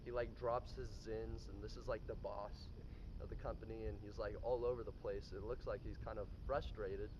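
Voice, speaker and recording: A man's voice: lowish voice, flat delivery, normal speed. Young man telling a loose, profane story. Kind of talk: casual storytelling. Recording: dull lo-fi recording with noise.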